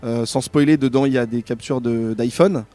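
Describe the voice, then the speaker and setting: A man's voice: mid-range voice, fairly even intonation, normal speed, dark tone. A man interviewed about designing games, talking casually with many fillers and restarts. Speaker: game designer guest.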